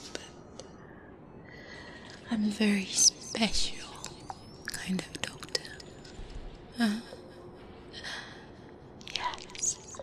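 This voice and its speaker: In an ASMR roleplay, a woman with a mid-range voice plays a polite but softly sinister specialist doctor. She speaks in a breathy whisper with murmured hums, hesitant and insinuating.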